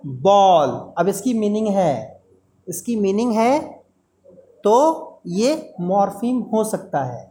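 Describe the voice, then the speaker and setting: A woman's voice: mid-range voice, sing-song, slow pace, warm tone. A woman teaching a lesson in Hindi with terms, explaining step by step and repeating key terms. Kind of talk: classroom lecture.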